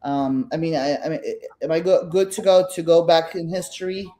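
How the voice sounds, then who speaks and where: Her voice is low and dark: a middle-aged woman from Belarus, a native Russian speaker with a Russian Brooklyn accent, appearing as the artist guest in a relaxed interview. She speaks haltingly, restarting often and leaning on fillers.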